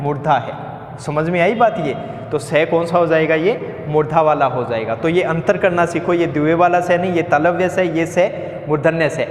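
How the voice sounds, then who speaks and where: A man's voice: a little high, slight background noise. A man teaching a Hindi grammar lesson for exam coaching, asking questions and answering them himself while chanting letter sounds. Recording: echoey room with long reverb.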